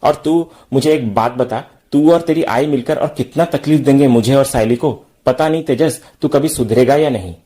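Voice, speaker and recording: A stern, hurt father scolding his grown son, read out by a male narrator. The tone is reproachful and lecturing. The voice is mellow and darkish at a middle pitch. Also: normal speed, hardly any pauses, natural voice.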